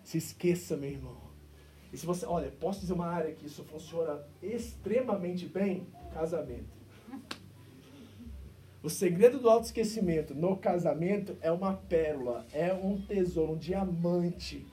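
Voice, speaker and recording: A Brazilian male pastor delivers an animated sermon at a church service, his tone warm and mellow. He swings from forceful emphasis to hushed asides. He sounds a little away from the mic, with faint room noise behind him. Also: on the high side, moderate pace, recorded from a distance. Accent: Brazilian Portuguese. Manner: animated preaching, swings from loud emphasis to quiet intimate asides.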